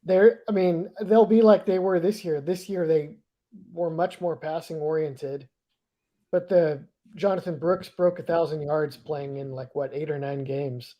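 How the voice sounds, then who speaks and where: A man giving casual football analysis, thinking aloud with halting restarts. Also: a little high, fairly even intonation, warm tone.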